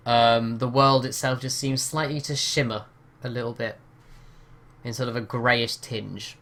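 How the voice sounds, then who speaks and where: Slow, hesitant male game master. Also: mid-range voice, fairly even intonation, a bit bright. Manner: hesitant, fills with "um" and "sort of". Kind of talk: narrating a tabletop game.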